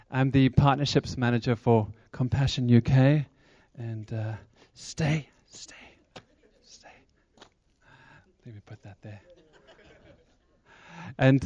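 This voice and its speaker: A South African man with a matching accent speaks to a church congregation on behalf of a charity, chatty and engaging, asking the crowd questions. His voice is mid-range with a darkish tone, and the recording is dry and dull.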